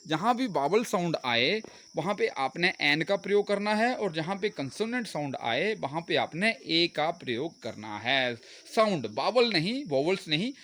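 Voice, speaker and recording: Man, teacher, animated rising and falling pitch, faint crickets behind. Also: a little hiss or hum. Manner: explains step by step, asking and answering his own questions. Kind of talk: grammar lesson.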